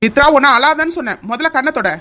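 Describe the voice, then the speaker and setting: Lady voicing a young guy, fast and sharp, telling off his granny. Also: high voice, slight background noise, pitched below the performer's own voice. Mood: indignant. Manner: firm, rebuking. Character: angry young man defending his cousin.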